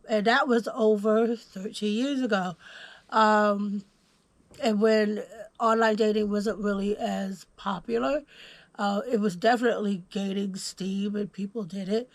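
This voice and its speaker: The recording is dry as a Houston, Texas podcast host with a medium-pitched voice chats casually. She is a little under the weather, relaxed and filler-heavy, peppering her talk with ums while reading from notes.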